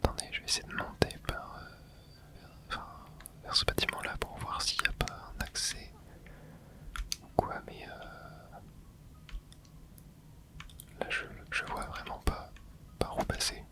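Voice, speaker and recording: A streamer whispering quietly, as if at night, giving casual, rambling ASMR commentary while playing a game and thinking aloud. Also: measured pace, pauses often. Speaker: video creator and streamer.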